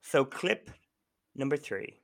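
A man co-hosting a podcast and running a quiz in casual chat, teasing and animated. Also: medium pitch, slow pace, vocal fry. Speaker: podcast co-host, quizmaster.

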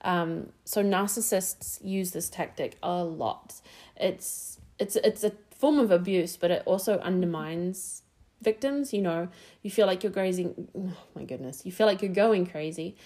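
Young nz woman hosting a podcast, lowish voice, rambly with lots of ums. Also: measured pace, hardly any pauses, mellow. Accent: New Zealand. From New Zealand. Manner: chatty, many fillers and restarts. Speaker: podcast host. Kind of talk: casual podcast chat.

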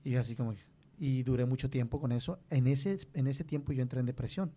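A young Mexican man with a Mexican Spanish accent, telling a personal faith testimony in conversation, earnest and halting with many restarts. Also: medium pitch, warm tone.

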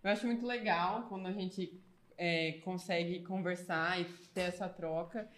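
Mom of a toddler chatting, lively, keeps restarting, lots of room echo. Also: female voice, fairly low pitch, moderate pace. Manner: lively, restarts phrases, laughs easily. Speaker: guest, mother of a toddler. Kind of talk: casual conversation. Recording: echoey room.

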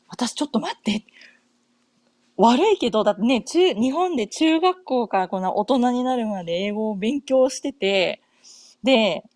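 A middle-aged woman from Japan chats casually as a podcast host, circling through fillers and quick self-corrections. Her pitch swings up and down with lively animation. The recording is dry and close, with no room sound. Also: no room sound. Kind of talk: casual chat. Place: home in North America.

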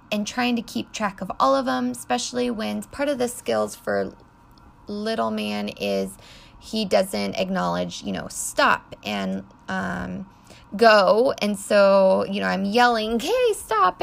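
A woman's voice: mid-range voice, creaky. A woman hosting a podcast, talking through her week as a foster mother in a chatty, unscripted way with lots of ums. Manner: chatty, frequent ums, laughs at herself. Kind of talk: casual podcast monologue.

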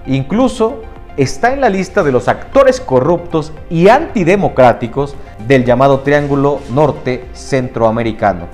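A man with a medium-pitched, somewhat dark voice co-hosts a news podcast. He reads international headlines and mixes in joking, self-mocking asides, so the news comes with banter.

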